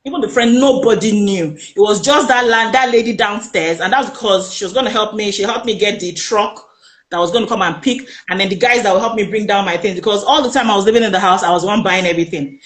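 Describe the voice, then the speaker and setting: A woman with a Nigerian accent, a guest telling her personal story in an interview, animated and emphatic, acting out the voices of the people she quotes. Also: medium pitch, fast, echoey room. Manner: animated, emphatic retelling that acts out quoted speech.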